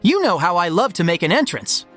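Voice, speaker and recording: A man's voice: high-pitched, sing-song, brisk, a bit bright, faint music behind. A man voicing a cocky, kind-hearted young hedgehog hero in a comic dub, casual and slangy. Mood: brisk, breezy.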